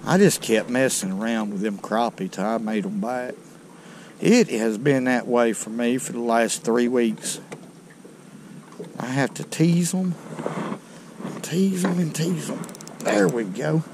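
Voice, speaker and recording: A fishing channel host, an older man with a drawl, explains tackle casually and ramblingly from a small river boat. He talks slowly in a medium pitch, pausing often. The action camera mounted on the boat records plenty of background noise.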